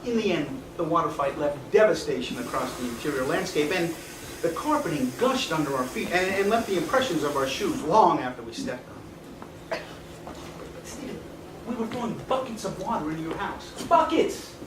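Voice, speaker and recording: In a small indoor theatre, a man plays a weary, nostalgic fiftysomething, speaking deliberately and reflectively through monologue and dialogue, with an exasperated mood. His voice is on the high side and sing-song. A distant, noisy camera mic captures the echoey stage.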